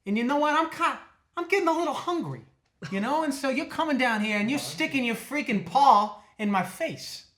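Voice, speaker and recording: A man's voice: very high voice, lively intonation, fairly quick, a bit bright, pitched above the performer's own voice. A man voicing a rude, short-tempered giant mole in a tabletop game, brash and badgering. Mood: surly, threatening. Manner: brash, badgering, peppered with mild swearing and "huh?". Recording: roomy echo with faint noise.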